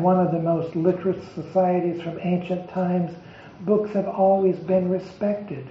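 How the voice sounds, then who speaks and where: A man's voice: sits high, a little hiss or hum. A man delivering a devotional sermon, stressing his words and stacking up lists of phrases with emphasis. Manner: emphatic, deliberate listing of phrases. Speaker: preacher. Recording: echoey, dull lo-fi recording.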